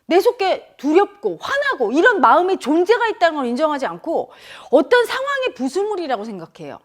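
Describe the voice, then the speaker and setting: A woman's voice: extremely high pitch, brisk. A middle-aged woman giving a spiritual talk on the mind, speaking straight to her listeners and acting out inner voices. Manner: animated, addresses listeners directly, acts out inner voices. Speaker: meditation teacher.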